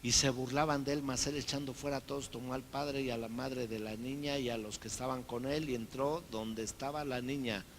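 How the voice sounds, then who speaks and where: A man preaching a sermon as pastor, lively and acting out the people he quotes. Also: medium pitch, fairly quick, few pauses, a little hiss or hum.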